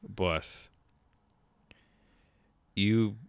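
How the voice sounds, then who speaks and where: A young Irish man in his twenties with a low, deep voice, heard in a dry, close recording. He talks reflectively on a podcast, hesitating often and filling gaps with ums. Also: very slow, smooth, dry recording. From Ireland. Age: 20s. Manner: hesitant, reflective, many fillers. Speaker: podcast co-host. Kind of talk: casual podcast chat.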